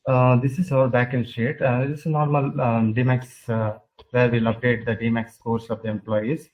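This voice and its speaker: A man pitching his team's project in a product demo, talking over a video call while sharing his screen, halting and full of filler sounds. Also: little pitch movement, darkish tone. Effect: video call audio while sharing his screen. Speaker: hackathon team presenter. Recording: muffled video call audio.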